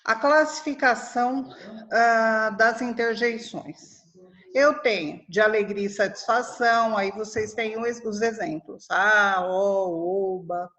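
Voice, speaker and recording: Slow-paced teacher woman, higher voice. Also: fairly bright tone, muffled recording. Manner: explanatory, checks in with "tá?" and "né?". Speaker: Portuguese teacher. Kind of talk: online grammar lesson.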